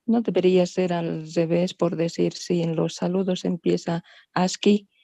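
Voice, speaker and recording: A woman's voice: on the low side, fairly even intonation, unhurried, vocal fry, warm tone, dry recording. A woman student asking a hesitant question during an online class. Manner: hesitant, searching for words.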